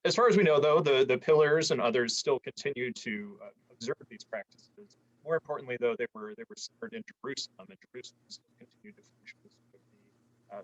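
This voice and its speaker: A man's voice: medium pitch, fairly bright tone, low-quality recording. Guy teaching church history over a video call, audio keeps cutting in and out, volume all over the place. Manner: stumbling restarts, easygoing. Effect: audio volume uneven, keeps dropping out. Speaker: adult education class teacher. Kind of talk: online church history lecture. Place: inside a church.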